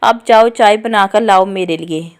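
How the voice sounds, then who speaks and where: A woman voicing a domineering young husband who speaks curtly and flatly, giving orders. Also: mid-range voice, measured pace, smooth, natural voice. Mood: cold commanding. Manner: curt, flat, commanding.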